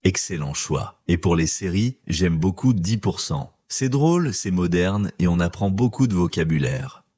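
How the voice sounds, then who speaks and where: A man co-hosting a learners' podcast, speaking clearly and encouragingly like a teacher. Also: low-pitched, lively intonation, measured pace, mellow, no echo. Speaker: podcast co-host. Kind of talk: scripted podcast dialogue for learners.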